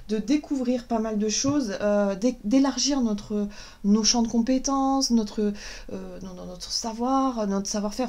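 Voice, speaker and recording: A woman with a fairly high, mellow voice gives a relaxed card-reading guidance talk. She speaks gently and encouragingly, often pausing on fillers and restarting her phrases. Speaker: tarot and oracle card reader. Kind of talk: casual spiritual guidance talk.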